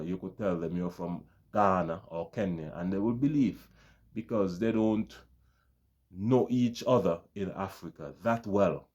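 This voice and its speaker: In a very low, dark, mellow voice, a Caribbean vlogger talks casually and directly to his viewers on camera. He sounds earnest, repeats himself a lot, and often addresses his audience as his friends.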